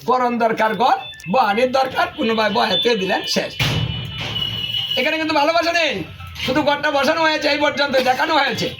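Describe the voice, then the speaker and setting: A man preaches a devotional sermon in an unusually high, light voice. He drives his points home with emphatic rhetorical questions, and soft music plays faintly underneath. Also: a little fast.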